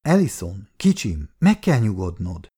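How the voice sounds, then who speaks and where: A man reading the lines of a weary middle-aged sheriff who pleads quietly with his wife in an audiobook. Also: sits low, big pitch swings, husky, exaggerated voice. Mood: urgent.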